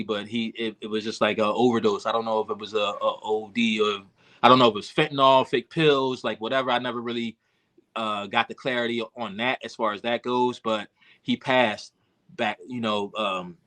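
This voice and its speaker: Man, bright tense voice, candid rambling storytelling, emotional. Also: mid-range voice, fairly even intonation, fairly quick. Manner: emotional, reflective, many fillers and restarts. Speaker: podcast guest, rapper and producer.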